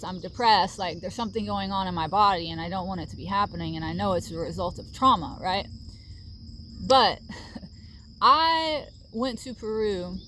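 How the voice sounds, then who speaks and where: A woman's voice: mid-range voice, a little hiss or hum. A middle-aged woman talking casually to camera about her healing journey, earnest and reflective, with many fillers. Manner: earnest, reflective, with frequent fillers and soft laughs. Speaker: vlogger sharing a healing journey. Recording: faint outdoor ambience with crickets.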